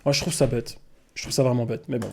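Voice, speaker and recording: Chatty male streamer, mellow voice. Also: mid-range voice, fairly even intonation, quick pace, vocal fry, a little hiss or hum. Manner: chatty, addresses viewers as "les gars", self-mocking. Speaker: streamer reacting to a video. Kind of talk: casual reaction commentary.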